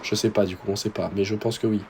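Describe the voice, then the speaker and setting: A young man with a French accent talks over footage of his own tennis match in a loose, slangy way. He addresses his viewers directly, swinging between excitement and frustration in an easy, chatty voice-over. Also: fairly low pitch, fast talker, a little hiss or hum. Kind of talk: casual voice-over commentary.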